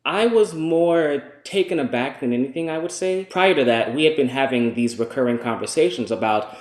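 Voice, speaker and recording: A man's voice: medium pitch, normal speed. A young adult man co-hosting a vlog, chatting to camera in an easygoing, joking way. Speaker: vlogger sharing family news. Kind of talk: casual chat to camera. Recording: roomy echo.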